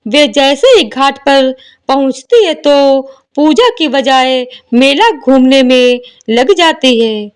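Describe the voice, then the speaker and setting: A woman narrating a devotional folk tale in a steady, measured storytelling manner. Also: high-pitched.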